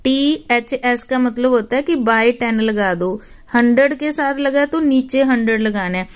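High-voiced patient woman maths teacher. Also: a little slow. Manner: patient, addresses students as "beta". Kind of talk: classroom lesson.

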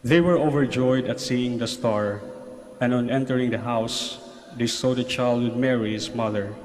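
A male priest solemnly proclaiming the Gospel at Mass in a measured, formal way, his voice carried in cathedral echo. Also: mid-range voice, darkish tone. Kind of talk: solemn liturgical scripture reading. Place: large church interior. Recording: cathedral echo, long church reverb.

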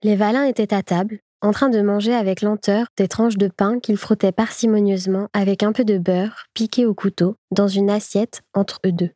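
A woman reads a classic short story aloud as an audiobook. Her narration is even and clear, her tone dark and mellow. The sound is dry and close. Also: medium pitch, moderate pace, hardly any pauses, no room sound. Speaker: audiobook reader. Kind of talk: scripted literary narration.

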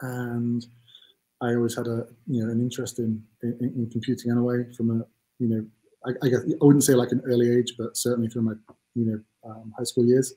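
A man's voice: mid-range voice, level tone, brisk, dark tone, low-quality recording. A man in his forties from Manchester with a Mancunian accent, a company CEO talking in a casual, self-deprecating way with many fillers over a video call. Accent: Mancunian English. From England. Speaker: CEO guest. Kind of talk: casual interview. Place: home office room. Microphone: video call webcam.

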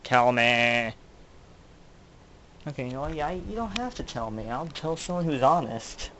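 A man's voice: medium pitch, expressive, unhurried, a bit bright, a little hiss or hum. A man hosting his own channel, acting out a melodramatic mock-detective comedy skit in which he questions his toys. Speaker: channel host.

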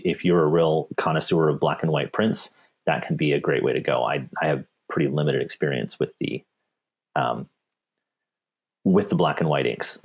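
Male tech specialist for a webinar Q&A, very low and husky, relaxed and full of restarts. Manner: relaxed, with frequent repeats and restarts. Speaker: paper company technical specialist. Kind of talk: webinar Q&A, answering viewer questions.

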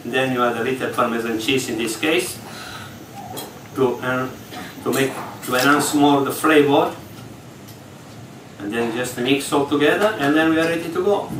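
Here a man of medium pitch, talking at a moderate pace, serves as executive chef for a live cooking show on a ship, explaining each step to an audience in a large hall. His English is slightly broken. Heard from a distance, the echoey hall is noisy in the background.

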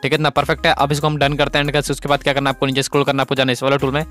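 A man's voice: mid-range voice, completely flat delivery, rapid-fire, fairly bright tone, clean tone, soft background music. A man hosting a photo editing tutorial, giving step-by-step instructions, often saying "guys" and "okay". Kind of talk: screen-recorded editing tutorial.

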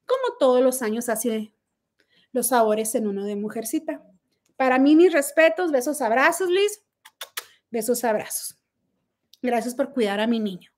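A woman's voice: fairly high pitch, expressive, normal speed, pauses often. A middle-aged woman with a Mexican accent, hosting a casual livestream chat by phone, brash and profane, mocking her critics. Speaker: livestream host.

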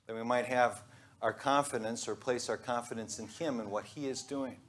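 A man's voice: mid-range voice, fairly even intonation, a bit bright. A man in his thirties, a pastor giving a conversational, joking sermon in a church sanctuary. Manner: conversational and joking, with pauses and restarts.

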